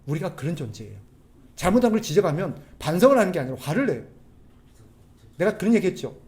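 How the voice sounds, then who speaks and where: Animated male preacher with a lively voice. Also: high-pitched, fast. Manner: animated, asks the congregation rhetorical questions; acts out quoted people's voices. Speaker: pastor. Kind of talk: sermon.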